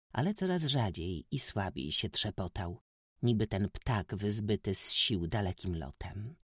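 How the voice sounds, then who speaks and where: A man reads a classic novel aloud at a mid pitch, his voice rising and falling with plenty of movement. The recording is close and dry, with no room sound. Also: no room sound. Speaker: audiobook narrator. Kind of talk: scripted narration of a classic novel.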